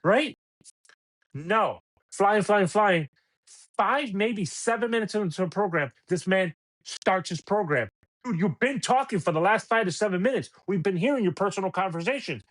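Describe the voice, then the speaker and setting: A man's voice: sits high, expressive, moderate pace, fairly bright tone. A middle-aged man hosting a podcast, ranting about sports radio with exasperated rhetorical questions. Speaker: podcast host. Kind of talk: opinionated sports rant.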